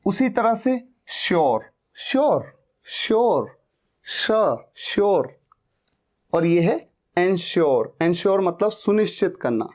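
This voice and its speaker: A man teaching English phonics, who demonstrates each sound slowly and repeats it many times. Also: sits high, sing-song, a little mellow. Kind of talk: teaching lesson.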